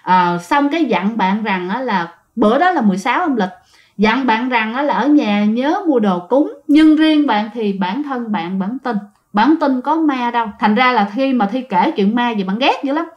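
A woman's voice: on the high side, lively intonation, normal speed. A woman telling a true ghost story casually, talking straight to her listeners. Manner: chatty, addresses listeners directly. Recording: dull lo-fi sound.

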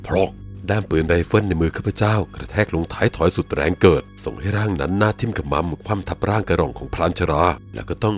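A man with a very deep voice narrates a ghost story at a rapid clip. His first-person storytelling is vivid and dramatic, with faint music playing behind him.

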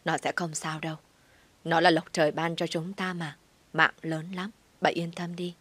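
A woman's voice: sits low, little pitch movement, moderate pace, a bit bright, husky, no room sound. A woman voicing a stern older grandfather who speaks in a firm, reproving way. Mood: soothing. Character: stern older grandfather, steadying his wife.

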